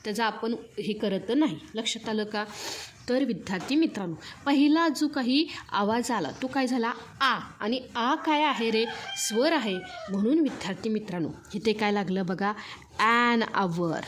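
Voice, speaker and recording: A woman's voice: fairly high pitch, moderate pace, a little hiss or hum. A woman with a Marathi accent teaching a grammar lesson, drilling each point with repeated rhetorical questions. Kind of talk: classroom grammar lecture.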